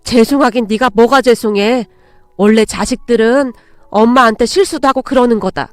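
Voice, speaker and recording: A woman's voice: on the high side, normal speed, dry recording, lightly acted. A woman voicing an older mother-in-law who is stern to outsiders and caring to her daughter-in-law. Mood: tender. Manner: firm, commanding, then gentle.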